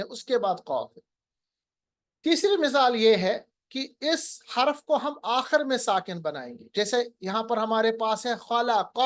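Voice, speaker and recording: A man's voice: high-pitched, a bit bright. A man teaching Quran recitation, patiently repeating words to contrast right and wrong pronunciation and chanting verses as examples. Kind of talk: recitation lesson with spoken examples.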